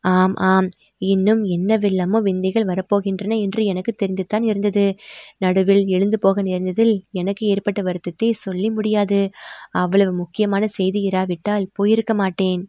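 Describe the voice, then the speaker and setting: A woman voicing a gracious, resolute middle-aged emperor in a storybook reading, with formal, measured speech. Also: mid-range voice, flat delivery, warm tone, no echo, studio quality, lightly acted. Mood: regal.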